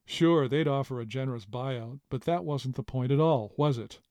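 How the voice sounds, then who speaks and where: Mellow-voiced male audiobook narrator. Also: medium pitch, no echo. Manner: measured, expressive storytelling.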